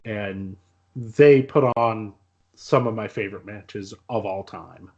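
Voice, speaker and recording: A man co-hosting a podcast, talking in a measured, earnest way in casual chat. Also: fairly low pitch. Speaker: podcast co-host. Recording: dull lo-fi audio.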